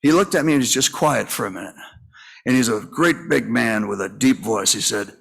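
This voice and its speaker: A man in his sixties speaks at a conference session with a middling, everyday pitch. He tells stories in a folksy, rambling way, stopping and restarting with plenty of fillers. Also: moderate pace, gravelly, a bit bright, breathy edge. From Minnesota, US. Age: 60s. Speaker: funeral home owner and conference speaker. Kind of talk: conference breakout talk.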